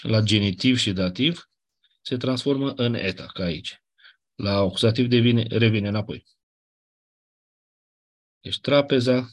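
A male teacher lectures on grammar in a patient, step-by-step way. His voice sits low and has a husky edge. He often pauses to check that the class follows and clears his throat now and then. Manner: patient explaining, frequent checks like "da?".

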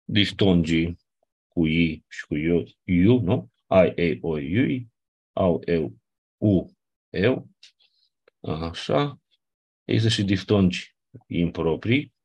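A man's voice: low voice, expressive, long pauses, a little mellow, slightly rough. A man teaching a class, reviewing grammar step by step and often checking in with his students. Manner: patient, checks in with "nu?" and "da?". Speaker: teacher of Ancient Greek.

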